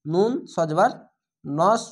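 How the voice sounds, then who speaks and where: A man with a Bangladeshi accent teaching Quran reading, who spells each letter and vowel mark aloud, then chants the whole word slowly and drawn out. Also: high voice. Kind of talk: spelling-out recitation lesson.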